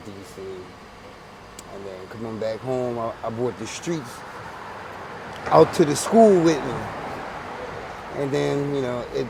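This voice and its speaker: Recorded on a busy city street with passersby and background noise, a Philadelphia interviewee in his forties speaks casually in slang. His mid-range voice is creaky, and he keeps restarting sentences and repeating himself.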